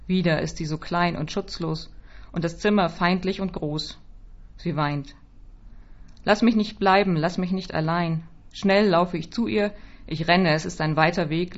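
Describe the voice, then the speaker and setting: A woman giving a quiet, measured first-person literary reading, her voice often dropping softly, in a slightly dull recording. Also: on the low side. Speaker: reader.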